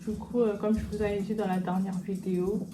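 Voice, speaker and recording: A young woman from French Guiana, a beauty vlogger chatting casually while doing her makeup, with relaxed slangy asides. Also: mid-range voice, brisk, background noise. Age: young adult.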